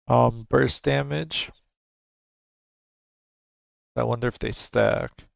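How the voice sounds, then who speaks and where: Gravelly male streamer, close dry mic, low-key muttered game commentary. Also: no room sound. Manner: relaxed, musing, thinking aloud. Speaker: gaming streamer. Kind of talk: casual gameplay commentary. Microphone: desk microphone.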